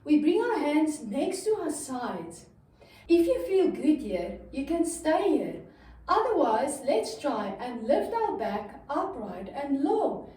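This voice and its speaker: A woman speaks slowly in a high, mellow voice with big swings in pitch, telling a story for children and guiding them through yoga movements step by step with easy encouragement. Captured with a distant microphone in a very echoey room.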